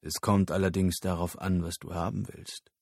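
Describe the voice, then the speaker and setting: A man voicing a tall, gaunt male drug dealer with a deep bass voice, slow and guarded. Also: level tone, creaky, darkish tone, husky, dry recording, clean studio sound, heavily acted.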